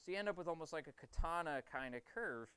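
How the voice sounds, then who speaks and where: A man's voice: on the high side, expressive, quick pace, sharp tone, clear, resonant tone, dry recording. A man livestreaming from his basement forge, explaining knife grinding in an enthusiastic, rambling way. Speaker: streamer and knifemaker. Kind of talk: casual livestream talk while working.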